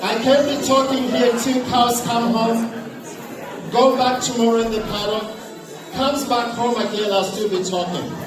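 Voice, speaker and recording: A man's voice: extremely high pitch, steady tone, normal speed. A Zambian man in his forties gives a chatty, humorous talk to an audience in a large indoor hall, using a handheld mic and leading call-and-response. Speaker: guest speaker. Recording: echoey hall from far off with crowd and noise.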